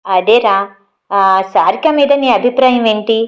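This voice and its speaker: A woman's voice: fairly high pitch, measured pace, lo-fi sound, natural voice. Woman playing a stern controlling father. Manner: stern and lecturing.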